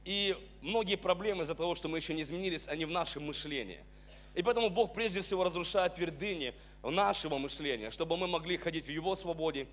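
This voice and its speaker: Church host, man, thirties, high bright voice, fervent preacher's drive, handheld mic on a big stage. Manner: fervent, exclaiming praise, then earnest exhortation. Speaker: worship leader and church host. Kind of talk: worship leading and sermon-style welcome. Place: large church hall stage with band.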